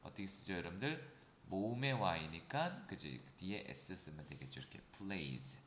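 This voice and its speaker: A man with a low voice and a bright, forceful tone teaches a grammar class. He explains each point patiently and keeps checking that his students follow along. A faint hum sits behind the recording. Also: big pitch swings, echoey room. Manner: slows down to read English examples aloud.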